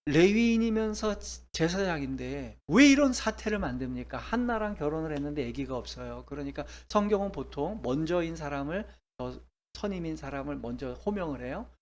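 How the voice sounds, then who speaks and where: A man's voice: on the high side, lively intonation, brisk, few pauses. Middle-aged male pastor, emphatic sermon delivery, asks the audience many rhetorical questions.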